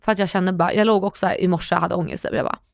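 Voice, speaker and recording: A woman's voice: fairly low pitch, steady tone, vocal fry, no room sound, studio quality. A young woman co-hosting a podcast, chatting in a candid, confessional way and laughing often. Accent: Swedish. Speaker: podcast co-host. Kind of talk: casual chat.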